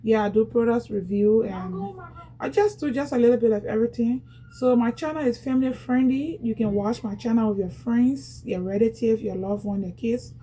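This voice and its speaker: A woman from Liberia, with a Liberian accent, vlogs a product unboxing at home at a moderate pace. Her voice is a little high, dark and slightly rough, and the recording itself is rough. Chatty and repetitive, she speaks straight to viewers.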